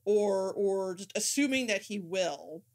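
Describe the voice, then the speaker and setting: A woman appears as a guest on a film podcast. She speaks casually at a middle pitch, and she often stammers and restarts as she makes her points. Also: expressive, a little slow, darkish tone. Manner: hesitant, stammering asides.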